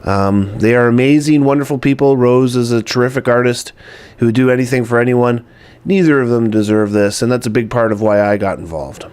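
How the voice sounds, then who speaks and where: Earnest man with halting speech. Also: medium pitch, darkish tone, clear, resonant tone. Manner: earnest, hesitant with many ums and uhs. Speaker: documentary producer. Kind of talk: informal campaign update to supporters.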